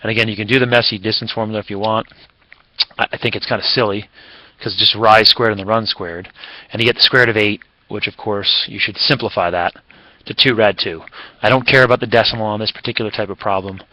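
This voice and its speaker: Man, math teacher, recorded lesson, casual, chatty, low-ish voice, bright sharp tone. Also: steady tone, quick pace, poor audio. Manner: casual, chatty, with fillers and self-corrections.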